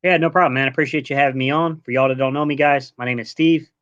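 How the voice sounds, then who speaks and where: A man in his late thirties from Delaware, a guest in a casual sports podcast chat, relaxed and rambling, dropping "man" often. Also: mid-range voice, fast, no echo. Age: 30s. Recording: dull lo-fi online call audio.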